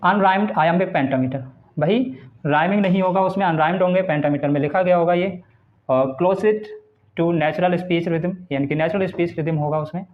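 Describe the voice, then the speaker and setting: A man whose voice sits high reads English definitions slowly during a Hindi lecture on English literature, then explains each one patiently. The audio has a tinny, phone-like quality.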